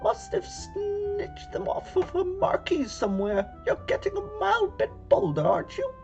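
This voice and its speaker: A man doing a shrill scolding little old woman. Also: sing-song, a little slow, vocal fry, darkish tone, highs cut off, soft background music, heavily acted. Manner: scolding, cackling, suspicious.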